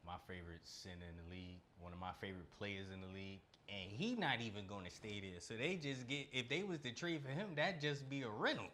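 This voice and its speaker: A man with a fairly low voice co-hosting a casual sports podcast. He speaks in a laid-back, slangy manner and often hedges his opinions. A faint hum of room ambience sits behind him. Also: animated, quick pace, hardly any pauses, pushed and bright. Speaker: podcast co-host.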